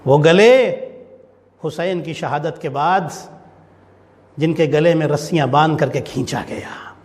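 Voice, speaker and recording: A man with a high voice delivers an impassioned mourning sermon to his listeners, rising into chanted lament. His voice rings out with a long reverb, recorded in a large hall. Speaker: preacher.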